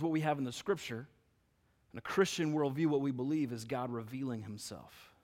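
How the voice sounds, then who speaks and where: A man's voice: medium pitch, long reverb tail. A man preaching a sermon, reading scripture aloud and building emphasis with rhetorical questions. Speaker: pastor.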